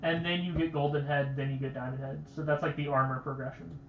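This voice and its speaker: A man's voice: on the high side, fairly even intonation, fast talker, reverberant, lo-fi sound, soft background music. A young man chatting casually on a game livestream, rambling and stuttering, with lots of "like" fillers. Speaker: game streamer.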